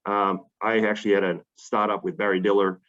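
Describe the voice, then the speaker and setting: An Australian man talks to a group of students over a video call. His voice sits fairly low and comes through a dull, lo-fi line. He speaks with emphatic energy, with many fillers and restarts. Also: flat delivery, a little fast, fairly bright tone. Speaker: investor guest speaker.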